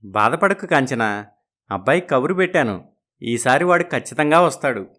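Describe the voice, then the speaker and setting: A woman's voice: a bass voice, animated, normal speed, fairly bright tone, pitched below the performer's own voice, full character voice. A woman voicing an easygoing middle-aged husband in a storybook, teasing and reassuring his wife. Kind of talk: storybook narration.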